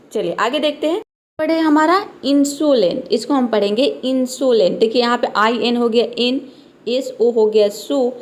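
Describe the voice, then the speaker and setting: Fairly high-voiced woman teaching words. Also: darkish tone. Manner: spells words letter by letter, slows on English words; keeps repeating "theek hai". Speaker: English teacher. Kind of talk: spoken vocabulary lesson.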